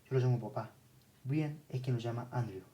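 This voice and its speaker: Audiobook: eerie hypnotized little girl, read by a man, soft and plain, low dark tone. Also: fairly quick, dull audio, natural voice. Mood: quiet dreamy. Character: young girl under hypnosis, dreamy and eerie.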